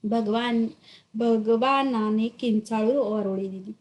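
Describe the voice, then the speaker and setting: A woman reading a literary short story aloud, expressive and dramatic in her storytelling. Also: on the high side, slow pace. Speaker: story reader.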